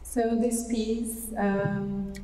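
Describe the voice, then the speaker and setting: Turkish-accented woman, slow and hesitant. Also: mid-range voice, flat delivery, dark tone, big-room sound, recorded from a distance, faint music behind, rough recording. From Turkey. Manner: hesitant, many fillers and restarts. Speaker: visual artist. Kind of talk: artist talk presentation. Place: museum atrium.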